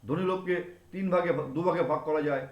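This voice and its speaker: A man's voice: high voice, fast talker, lo-fi sound. A male teacher giving a classroom grammar lesson, repeating example words over and over to drill them in. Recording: echoey room.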